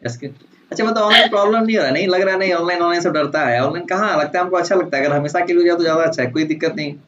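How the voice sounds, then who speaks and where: Jovial teacher with a lilt. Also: male voice, high voice, rapid-fire. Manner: teasing, jovial, calls on students by name. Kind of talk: casual online class. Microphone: video call. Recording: dull online call audio with faint noise.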